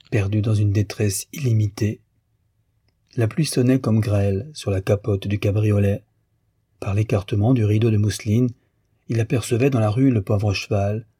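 Low, husky male narrator reading a novel. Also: warm tone, dry recording, clean studio sound. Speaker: audiobook reader. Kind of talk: measured literary narration.

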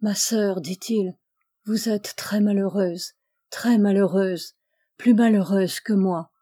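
A woman's voice: medium pitch, fairly even intonation, slow pace, mellow. A woman reading the lines of an anguished young male warrior in a novel audiobook, in a grieving, pleading manner.

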